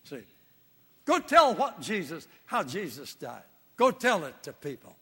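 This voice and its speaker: Fervent older preacher, bright lively voice. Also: male voice, on the high side, measured pace, husky. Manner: fervent, repeats phrases for emphasis. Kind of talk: sermon. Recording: long hall reverb.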